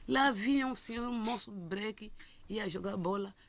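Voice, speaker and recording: Gravelly woman, halting speech. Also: medium pitch. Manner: halting, with frequent restarts and repeated words. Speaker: listener telling her story. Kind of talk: personal testimony.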